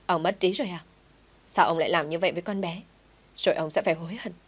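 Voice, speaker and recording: A woman voicing a sharp-tongued, defiant middle-aged mother in an audio story. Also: fairly low pitch, fairly even intonation, quick pace, slightly rough. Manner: scolding, defiant.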